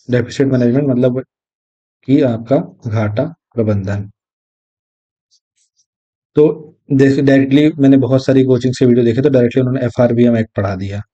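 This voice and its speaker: A man teaching an exam lesson, explaining step by step and repeating key terms, reading definitions slowly. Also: medium pitch, mellow. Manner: reads English definitions slowly. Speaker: exam tutor. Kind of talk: recorded lecture. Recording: dull lo-fi audio.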